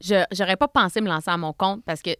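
A woman's voice: fairly low pitch, fast talker, pushed and bright, clear, resonant tone, no echo, studio quality. A woman lawyer from Quebec, with a Quebec French accent, chatting casually as an interview guest and laughing often. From Beauce, Quebec.

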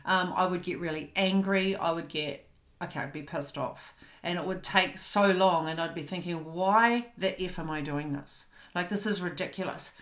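This podcast host is a woman whose fairly low voice has a fairly bright tone and a moderate pace. Her casual chat from a home couch is candid and full of pauses as she hunts for words, captured with roomy echo.

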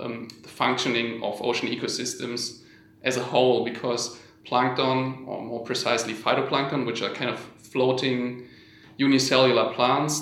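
A man from Germany, a research scientist, explaining his field in a measured way as an interview guest. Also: mid-range voice, a bit bright. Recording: roomy, echoing sound.

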